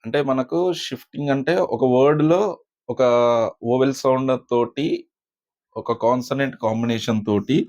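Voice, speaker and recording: Man teaching slowly, many pauses. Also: mid-range voice, a little mellow. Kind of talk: spoken language lesson. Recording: slightly dull lo-fi recording.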